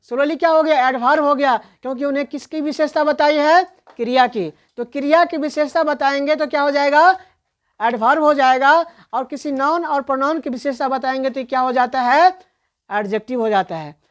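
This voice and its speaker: A woman teaching an online English grammar lesson, asking questions and answering them herself, and reading out English examples slowly. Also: high voice. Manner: explains in Hindi, reads English examples slowly.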